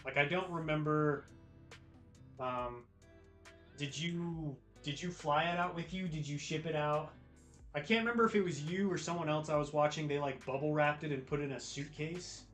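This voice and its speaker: Hosting a livestream, an American man chats with viewers in a relaxed, slangy style, at a moderate pace in a fairly high, fairly bright voice. There's a roomy echo and guitar music in the background.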